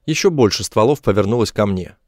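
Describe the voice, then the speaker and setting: A man reading an adventure novel aloud as a first-person audiobook narrator, measured and even. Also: fairly low pitch, no room sound, clean studio sound.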